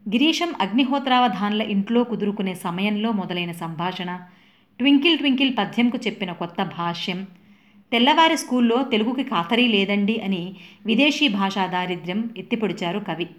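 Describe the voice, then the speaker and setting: A woman's voice: medium pitch, animated, a little fast. A woman reading a short review of a classic play and its film, lifting her voice for quoted dialogue.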